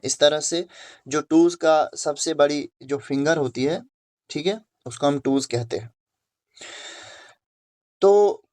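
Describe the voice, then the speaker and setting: Slow talking teacher guy, keeps repeating words n spelling them out. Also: a little high, darkish tone. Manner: repetitive, checks with listeners, spells words letter by letter. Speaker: English grammar teacher. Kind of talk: classroom lesson on pronunciation.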